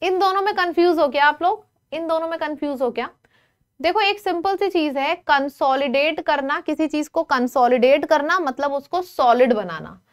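In a lively, coaxing style, a woman teaches a vocabulary lesson online, often putting questions to her students. She has a high voice and speaks at a normal speed.

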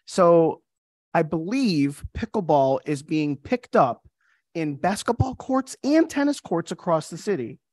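Friendly man, slightly high, dry. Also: sing-song, a little slow, a little mellow, no echo. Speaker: city councilor. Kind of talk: council meeting report. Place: city council chamber. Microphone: table microphone.

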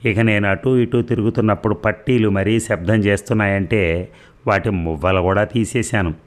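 Man doing a hushed, weary young wife. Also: on the low side, fairly even intonation, normal speed, natural voice. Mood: complaining. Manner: hushed, complaining.

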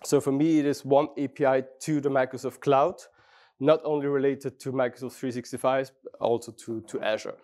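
A man's voice: mid-range voice, steady tone, normal speed, a little mellow. A middle-aged Austrian man with a German-speaking accent giving a friendly, chatty technical talk on a conference stage, often restarting phrases and asking the audience questions. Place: large conference hall.

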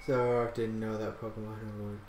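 A man's voice: on the low side, flat delivery, moderate pace, a little mellow, roomy sound, slight background noise. A man commentating a video game as he plays, joking crudely and swearing often. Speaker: let's play commentator. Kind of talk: casual gaming commentary.

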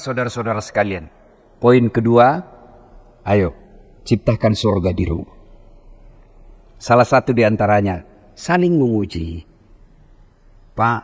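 A man preaching a humorous sermon, joking with the congregation and acting out the voices of husbands and wives. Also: fairly low pitch. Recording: long hall reverb.

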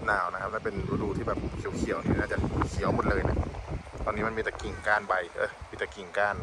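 A man's voice: fairly low pitch, little pitch movement, fast. A man giving casual, chatty travel commentary outdoors by a mountain river, thinking aloud as he walks and tastes food. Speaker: travel vlogger. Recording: loud outdoor background noise.

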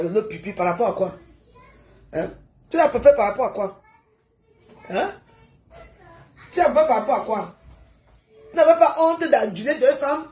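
A woman, hosting a heated live stream and scolding her viewers with rapid rhetorical questions. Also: fairly high pitch, darkish tone, echoey room.

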